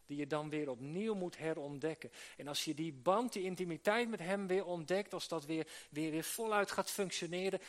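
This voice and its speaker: A man with a high voice preaches earnestly to a gathered group. He restarts his phrases often and asks rhetorical questions as he goes. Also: a bit bright. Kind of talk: sermon to church workers. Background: live audience he addresses.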